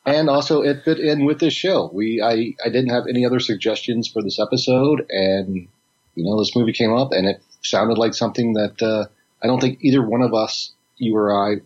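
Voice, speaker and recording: A man's voice: fairly low pitch, fairly even intonation, moderate pace, a little mellow, husky, highs cut off. A man co-hosting a podcast in a laid-back way with dry humor, his voice still sleepy from just waking up. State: just woken up, morning voice. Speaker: podcast co-host. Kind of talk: casual podcast chat.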